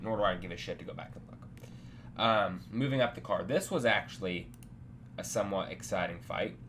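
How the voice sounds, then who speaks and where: Still congested after being sick, a young MMA reaction host gives a blunt, offhand, rambling take on a night of fights, often restarting his thoughts. His fairly low voice sounds stuffy and nasal yet fairly bright, with slight background noise in this casual post-fight chat.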